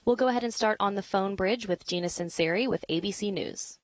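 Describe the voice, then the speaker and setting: An American woman moderates a press briefing in a polished, official style. Her mid-pitched voice is recorded dry, with scripted announcements delivered cleanly. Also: brisk, no room sound. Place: space center briefing room, dry close sound.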